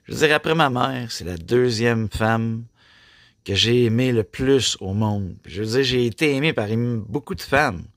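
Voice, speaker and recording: A man in his forties with a Québécois accent, rambling through a personal vlog in a flat, robot-like delivery, full of filler tags. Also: mid-range voice, moderate pace, no echo, clean studio sound. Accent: Québécois French. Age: 40s. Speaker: YouTuber.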